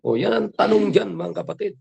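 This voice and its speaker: A Filipino pastor delivering a morning devotion, a man whose voice sits a little high and carries a gravelly edge. He presses his flock with repeated questions and drops into English to quote scripture. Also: expressive, a little fast, darkish tone. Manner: preaching with rhetorical questions, switching into English for scripture.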